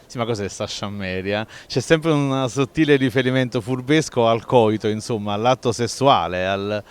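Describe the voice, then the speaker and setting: A man's voice: mid-range voice, normal speed, smooth. A man explaining in a conversational, playful way, with rhetorical questions and asides. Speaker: explainer of local dialect and folklore.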